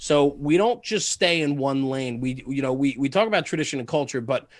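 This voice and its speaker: This medium-pitched man, a fire service media host, talks as a podcast guest with lively intonation and a slightly fast pace. Earnest and emphatic, he repeats phrases to hammer home his passionate points, with a faint hiss or hum on the audio.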